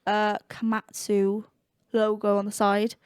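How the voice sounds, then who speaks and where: A young woman co-hosting a podcast in casual chat, chatty and quick to laugh. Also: mid-range voice, monotone, darkish tone, clear, resonant tone, dry recording, studio quality. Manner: chatty, laughs often, swears in asides. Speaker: podcast co-host.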